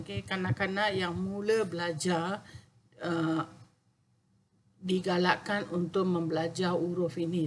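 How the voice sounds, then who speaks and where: A woman with a Malaysian accent teaches letters in a patient, repetitive way, sounding each one out slowly. Her voice sits in a middle pitch. A faint noise runs under the recording. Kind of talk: language lesson.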